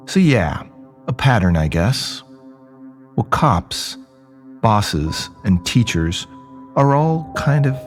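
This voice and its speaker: An actor with a lowish, darkish voice narrates an audio drama as its lead, a jaded, rebellious young man. He tells his own story in the first person, wry and rambling, like a casual conversation.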